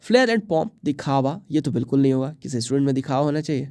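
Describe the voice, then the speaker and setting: A young man with an Indian English accent walks students through exam questions, mixing English terms into his Hindi. His voice is mellow and his recording sounds dry and close. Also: mid-range voice, animated, quick pace, dry recording. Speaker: English teacher. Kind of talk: exam prep lesson.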